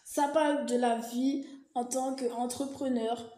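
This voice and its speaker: A woman's voice: on the high side, fairly even intonation, slow pace, mellow. A woman vlogger talking casually to camera, hesitant and chatty, with lots of fillers and restarts. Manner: informal, reassuring asides. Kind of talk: casual explanatory monologue. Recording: roomy echo.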